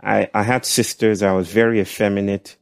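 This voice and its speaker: A man with a nasal voice that sits on the low side. He talks as a podcast guest in a reflective, halting way, pausing often. The recording is dry and close. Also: level tone, vocal fry, clear, resonant tone, dry recording. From Nigeria. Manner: thoughtful, halting, with soft laughs. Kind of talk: reflective conversational storytelling.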